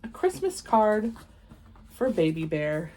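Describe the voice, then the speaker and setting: A read-aloud host shares a children's picture book, bringing expression to the story and chatting with casual enthusiasm in her asides. Her voice is medium in pitch and her pace is slow.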